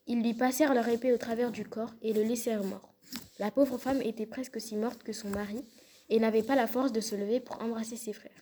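A woman reading a classic fairy tale aloud in a measured, expressive storytelling manner. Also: fairly high pitch. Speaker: narrator.

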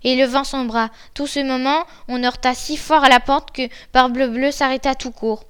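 A woman reading an old fairy tale aloud in a measured, soft narrating voice. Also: sits high, fairly even intonation, smooth. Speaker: storyteller.

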